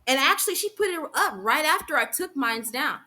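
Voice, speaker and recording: A young woman venting heatedly to the camera, swearing often and rushing through run-on sentences with frequent restarts. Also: high-pitched, expressive, pushed and bright. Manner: heated and profane, rapid run-on talk with restarts. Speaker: vlogger. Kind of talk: angry venting monologue.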